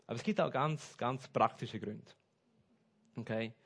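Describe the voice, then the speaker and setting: A man preaching a sermon, switching between soft asides and loud, stressed points. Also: medium pitch, unhurried. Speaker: pastor.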